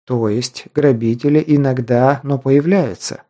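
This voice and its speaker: A man's voice: mid-range voice, fairly even intonation, unhurried, mellow, natural voice. A man reading an audiobook, voicing a wry, teasing young male hero in close to his own voice.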